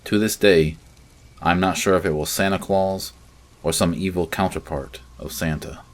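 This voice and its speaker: A man narrating a scary story in the first person, with measured, dramatic storytelling. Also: sits low, steady tone. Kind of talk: scripted horror story narration.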